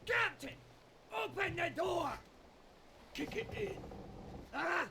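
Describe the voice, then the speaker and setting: A defiant Scottish crewman bellows threats at a locked door in a video game. The voice is raised to a shout and sounds a little distant. Heavy background noise sits under his lines. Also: extremely high pitch, lively intonation, slow, heavily acted. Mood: angry, threatening. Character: angry male sailor crewman, threatening and defiant.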